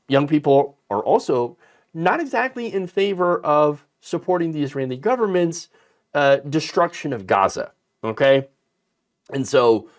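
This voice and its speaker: A man hosting casual political commentary, sarcastic and animated, mocking politicians with put-on quotes. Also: on the high side.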